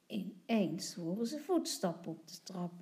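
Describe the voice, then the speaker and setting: A woman teacher reading a children's picture book aloud, softly and sometimes in a hush. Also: on the low side, animated, a little slow. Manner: soft, hushed at times.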